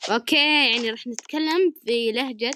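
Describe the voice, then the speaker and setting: A woman chats casually while she plays. Her voice sits a little high, and she often giggles and trails off hunting for a word. Faint background noise and clicks run under her voice. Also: fairly quick, pushed and bright. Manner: chatty, giggly, trails off searching for words. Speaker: gaming channel host. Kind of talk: casual gaming commentary.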